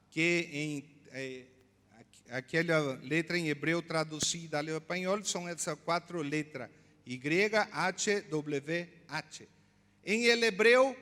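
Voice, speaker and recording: A male pastor preaching a sermon, explaining slowly, repeating words and asking the congregation questions. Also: fairly high pitch, sharp tone, in a large hall. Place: church.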